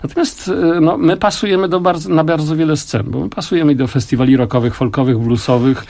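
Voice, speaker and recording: A man in his sixties, a song translator, speaking in a reflective, measured way in a radio interview. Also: on the high side, fairly even intonation, vocal fry, a little mellow. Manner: reflective, measured, with frequent pauses. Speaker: song translator and musician, guest. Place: radio studio.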